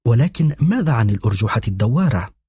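Male audiobook narrator, very husky and dark, dry close sound, measured reading. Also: mid-range voice, big pitch swings, dry recording. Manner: measured storytelling. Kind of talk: scripted narration.

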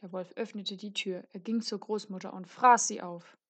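A woman reading a fairy tale aloud as a storyteller, in a clear and measured way. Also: mid-range voice, fairly even intonation, a bit bright.

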